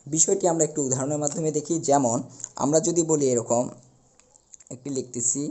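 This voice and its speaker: Young guy teaching an online class, really dark mellow voice, goes step by step and says the example words slow. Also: fairly high pitch. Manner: explains step by step, repeats key words slowly.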